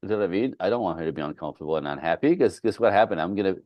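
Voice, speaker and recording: A man with a very low voice talks candidly about relationships, telling self-deprecating stories in an easy, conversational way. The sound is close and dry, with no room around it. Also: lively intonation, rapid-fire, no room sound, lo-fi sound. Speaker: relationship coach and co-host. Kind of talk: casual podcast conversation.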